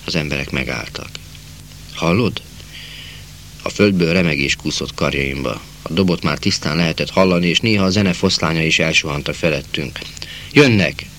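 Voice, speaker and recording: A man narrating a literary novel in a measured reading voice, slowing down for quiet passages. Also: very deep voice, a little hiss or hum. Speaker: audiobook narrator.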